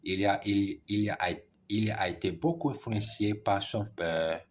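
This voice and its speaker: This is a slow, husky man with a lowish voice, a native Portuguese speaker reading French practice material out loud. He proceeds haltingly and carefully, frequently stopping to fix his mistakes.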